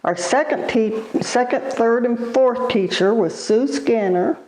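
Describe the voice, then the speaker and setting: An elderly woman reminisces in an interview in a halting, unhurried way, pausing as she recalls. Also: on the high side, darkish tone, poor audio. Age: elderly, born 1936. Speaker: oral history interviewee.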